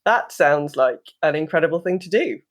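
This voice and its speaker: A man hosting a casual podcast interview in a high voice. He agrees readily and stumbles through fillers as he looks for his next question. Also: lively intonation, normal speed. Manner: warmly agreeing, hesitant with fillers.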